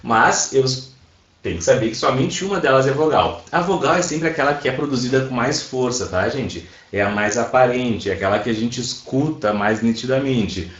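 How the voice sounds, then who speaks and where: A man's voice: mid-range voice, moderate pace. Man teaching in a roomy, dull recording. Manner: explains patiently, asks students for confirmation often. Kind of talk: online class lecture. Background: airplanes passing overhead.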